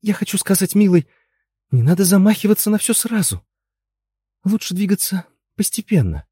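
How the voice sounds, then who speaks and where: A man's voice: fairly high pitch, expressive, normal speed, warm tone, husky, no echo, clean studio sound, pitched above the performer's own voice. A man voicing an anxious young wife, raised and pleading. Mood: persuading. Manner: pleading, coaxing, then frantic. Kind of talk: audiobook character voice.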